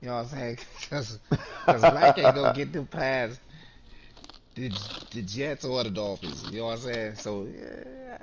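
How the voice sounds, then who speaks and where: A man talking casually as a guest on a sports chat, relaxed and often repeating his words as he restarts. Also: mid-range voice, a little slow, a crowd in the background. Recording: dull lo-fi line with faint noise.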